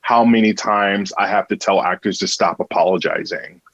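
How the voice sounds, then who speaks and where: A man's voice: sits low, normal speed, a bit bright, dull audio. A man who works as a theatre director, talking earnestly in a casual conversation and often restarting and repeating words.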